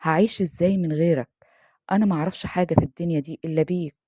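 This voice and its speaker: A woman's voice: low voice, steady tone, racing, mellow, slightly rough, dry recording, studio quality. A woman reading a grieving Egyptian widow. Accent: Egyptian Arabic. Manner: weary, pleading. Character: grieving young widow, worn out and tearful.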